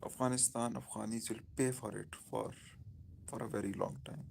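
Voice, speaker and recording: A man with a Pakistani accent speaking informally on a live stream, in halting, repetitive phrases. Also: lowish voice, fairly even intonation, creaky, a little hiss or hum.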